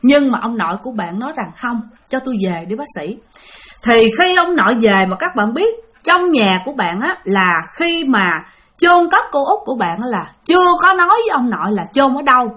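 A woman with a Southern Vietnamese accent tells a spooky story in a chatty, direct way, often turning to her listeners. Her voice sits high and swings widely in pitch. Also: big pitch swings, fairly quick, a bit bright. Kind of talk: spoken ghost-story narration.

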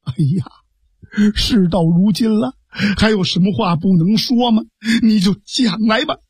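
A tired old-style imperial envoy, as a storyteller voices him, speaking low and worn out with grief. His husky voice sits close and dry, as in a storytelling broadcast. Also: unhurried, no room sound. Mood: weary. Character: grief-stricken imperial envoy, weary official.

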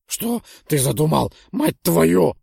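A man putting on a hoarse, screaming wounded companion. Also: a little high, very animated, takes it slowly, dark tone, no room sound, studio quality, voice pushed up, heavily acted. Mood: furious panic. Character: wounded foul-mouthed male companion, panicked.

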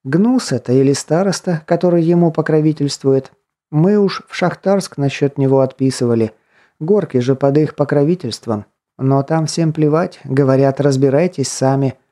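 A man's voice: on the high side, normal speed, dark tone, pitched above the performer's own voice, natural voice. A man voicing a timid, helpful shopkeeper woman of about thirty in an audiobook, raising his voice well above his own. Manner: timid, eager to help.

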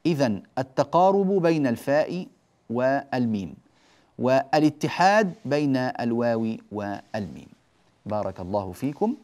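Man slowly teaching Quran recitation. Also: medium pitch, very animated, darkish tone. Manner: slow, deliberate enunciation of examples, then explains; corrects common errors firmly. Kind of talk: televised tajweed lesson.

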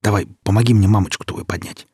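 A man voicing a smooth, persuasive helper, easygoing and talkative. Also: lowish voice, steady tone, fast talker, warm tone, no echo, clean studio sound. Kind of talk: audiobook character reading.

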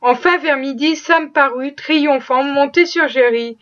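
A woman reading a classic novel aloud as audiobook narration, steady and expressive. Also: sits high, measured pace. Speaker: audiobook reader. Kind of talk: scripted narration. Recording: dull lo-fi recording.

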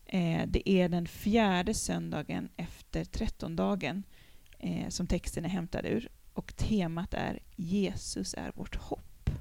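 A woman's voice: lowish voice, fairly even intonation, gravelly, mellow, dry recording. A woman hosting a casual theology podcast, talking in a friendly, conversational way. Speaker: podcast host.

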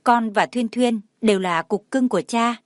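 A woman's voice: on the high side, normal speed, no room sound, clean studio sound, close to an everyday voice. A woman voicing a sweet, understanding little girl who talks fondly to her father.

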